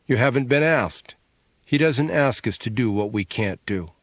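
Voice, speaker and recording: A man's voice: mid-range voice, expressive, moderate pace, no echo, clean studio sound, natural voice. A man doing a solemn, earnest brother. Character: earnest reformed brother, quietly pious.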